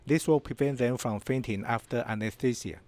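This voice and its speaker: A man reading an English translation voice-over for an interviewee in a news report, in a measured dubbed delivery. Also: medium pitch, a little mellow.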